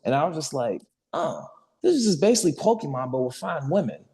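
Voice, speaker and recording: A man's voice: a little high, very animated, fairly quick, vocal fry, dark tone, slightly rough. A young adult man hosting a podcast in casual, informal chat, often repeating words as he argues and recommends things. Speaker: podcast host. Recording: long reverberant room echo.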